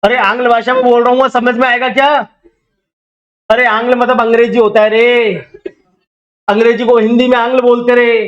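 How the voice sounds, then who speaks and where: A man's voice: very high voice, flat delivery, normal speed, long pauses, a bit bright, highs cut off. A man teaching accounting to a classroom, drilling students with repeated questions and teasing them when they don't know. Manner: teasing, scolding banter with the class. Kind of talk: classroom lecture.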